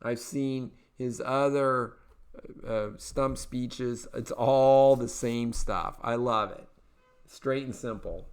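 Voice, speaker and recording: A man's voice: medium pitch, fairly bright tone. A man hosting a political commentary show, talking in a rambling way with many fillers and restarts. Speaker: podcast host.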